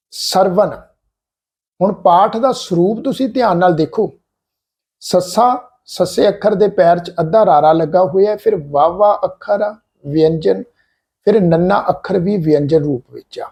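A man with a Punjabi accent giving a slow, deliberate lesson on how to pronounce words, spelling them out letter by letter and repeating each sound. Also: high-pitched, vocal fry, darkish tone. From Punjab, India. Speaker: Gurbani pronunciation teacher.

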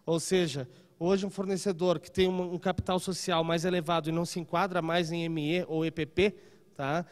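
A man's voice: a little high, flat delivery, moderate pace, long reverb tail. A man in his thirties giving a live seminar talk in a large conference room through a handheld microphone, checking in with the audience often. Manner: conversational, frequent "tá?" and "né?" check-ins. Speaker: trade seminar speaker.

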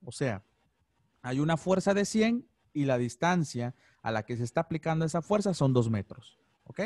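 A man's voice: a little high, expressive, normal speed, a little mellow, no echo, studio quality. A man teaching an online class, explaining step by step and often checking in with "ok?". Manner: patient, checks understanding with frequent "ok?". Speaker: physics teacher. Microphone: video call.

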